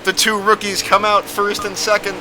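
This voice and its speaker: A man commentating an online racing game, calling the action and bantering with co-hosts, jumping into excited calls when something happens. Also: sits high, moderate pace, background noise. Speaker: race commentator for an online sim racing league. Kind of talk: live play-by-play commentary with banter.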